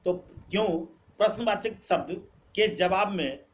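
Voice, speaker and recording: High-voiced man teaching grammar. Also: expressive, a little slow, slight background noise. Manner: repeats key words, asks questions then answers them. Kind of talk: classroom-style lesson, quizzing students.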